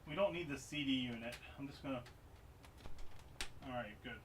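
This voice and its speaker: A man's voice: mid-range voice, normal speed, a bit bright. A man streaming live as he repairs game consoles, chatting casually and mumbling asides to himself while he works. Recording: voice a bit far from the mic, faint noise behind.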